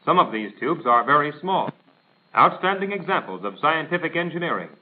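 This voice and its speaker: With a sing-song delivery, a slightly high pitch and a fairly quick pace, an American man reads instructional narration from a script. His tone is formal, careful and didactic in the manner of a 1940s military training film. The audio sounds tinny and band-limited, like a 1940s film soundtrack.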